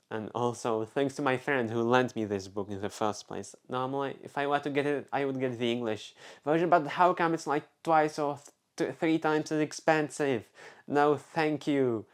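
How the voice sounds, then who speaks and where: A young Czech man with a Czech accent tells a casual personal story on his vlog, rambling, interrupting himself, and filling with "like." His voice is mid-range and steady at normal speed, with few pauses.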